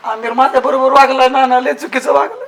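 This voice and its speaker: Gravelly, high-voiced young man, self-pitying. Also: little pitch movement, a little fast, fairly bright tone. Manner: sulky, self-pitying, tearful. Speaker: lead character. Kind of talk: scripted comedy sketch.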